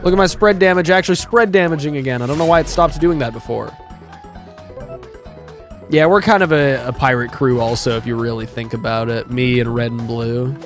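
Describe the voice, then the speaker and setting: A gaming YouTuber, a man, giving chatty, excitable let's-play commentary. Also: mid-range voice, a little fast, faint music behind. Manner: excitable, chatty, laughs often.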